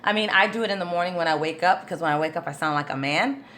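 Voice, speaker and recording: A woman vocal coach hosts a casual livestream Q&A, reading out viewer questions and answering them chattily and informally with lots of fillers, explaining patiently step by step. Her voice is on the low side and fairly bright, rapid-fire, with slight background noise.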